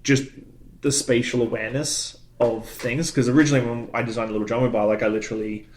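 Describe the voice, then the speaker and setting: A man's voice: mid-range voice, level tone, fast talker, slight background noise. A man in his thirties hosting a casual podcast, rambling chattily and laughing often. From not from Canada. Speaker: podcast host. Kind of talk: casual chat.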